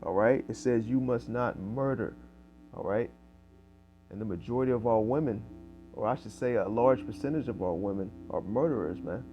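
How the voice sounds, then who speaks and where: A man with a mid-range voice at normal speed preaches street-style, the audio dull with faint music behind. He reads scripture aloud, raising his volume for verses, and fills his lines with "man" and "okay?"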